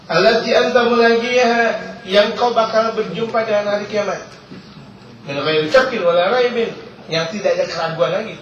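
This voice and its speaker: A high-voiced man with a fairly bright tone gives a religious lecture in a roomy hall, reading Arabic text and then explaining it in casual speech. He repeats key phrases for emphasis. The recording is distant, roomy and dull, with a lo-fi quality and a little hiss or hum.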